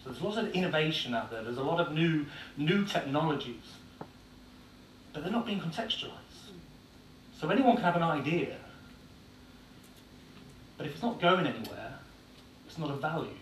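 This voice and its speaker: In a conference hall with echo, faint noise and a far-off mic, an Ireland-born conference speaker with an English accent talks bluntly and informally, leaning on filler words. His pitch sits on the high side, sing-song, at a normal speed with many pauses.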